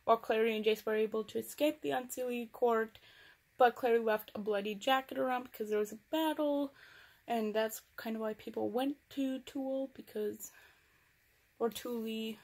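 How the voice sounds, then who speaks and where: A woman's voice: on the high side, fairly even intonation, moderate pace, darkish tone. A young woman casually recapping a novel on her vlog, chatty and rambling, with sarcastic asides. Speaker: book reviewer.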